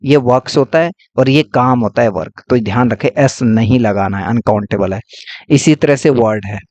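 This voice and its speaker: A man's voice: mid-range voice, moderate pace, darkish tone, no echo. A man teaching English grammar, explaining patiently and repeating key points with frequent checks. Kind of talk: classroom-style lesson.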